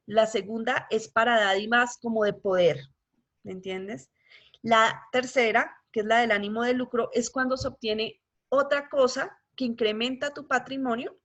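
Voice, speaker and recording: A woman's voice: on the high side, fairly bright tone. Woman lecturing a law class. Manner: explanatory, often checks understanding with "¿listo?".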